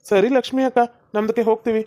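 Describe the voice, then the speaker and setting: A woman's voice: fairly high pitch, fairly even intonation, very fast, dark tone, natural voice. Woman playing a chatty nosy village postman. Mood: hurried. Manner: nosy, teasing banter. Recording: slightly dull lo-fi recording.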